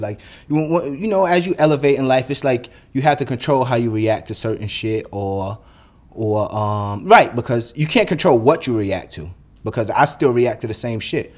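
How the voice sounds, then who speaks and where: New dude on his podcast, cussing, venting hard, regular pitch. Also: darkish tone. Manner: profane, blunt, heated ranting. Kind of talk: solo podcast monologue.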